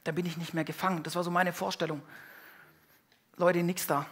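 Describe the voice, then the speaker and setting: A man's voice: high voice, little pitch movement, fairly quick. Slangy, emphatic male preacher. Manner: emphatic, swings between loud outbursts and hushed confessions; colloquial, slangy. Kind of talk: sermon. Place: church service before a congregation.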